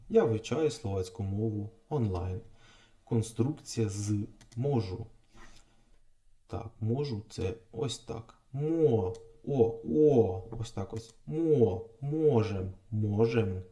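A man teaching a casual language lesson, repeating phrases slowly and thinking aloud. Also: fairly low pitch, mellow, reverberant.

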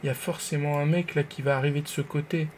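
Guy streaming a game, nervous and whispery then suddenly loud, bit high voice, faint hiss behind. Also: fast talker. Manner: jittery, talks to himself, whispers when nervous; swings from hushed murmurs to loud excited outbursts. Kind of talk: live gameplay commentary.

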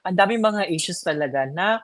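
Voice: medium pitch, animated, a little fast, fairly bright tone, no echo. A chatty host in casual talk about pageants, giggling often between phrases. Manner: chatty, giggly, mixes English and Filipino. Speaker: vlog host. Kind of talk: casual pageant chat in Taglish.

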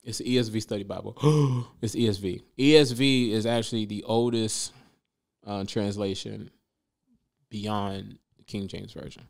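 Gravelly, laid-back man in his thirties. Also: fairly low pitch, normal speed. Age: 30s. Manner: relaxed, affirming, laughs often, slangy. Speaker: podcast co-host. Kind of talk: casual faith podcast conversation. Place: small studio room, indoors. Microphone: desk mic on boom arm.

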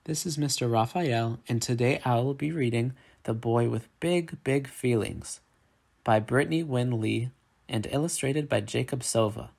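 Reading aloud from a children's picture book, a man uses his gravelly mid-range voice in a measured, expressive storytelling style.

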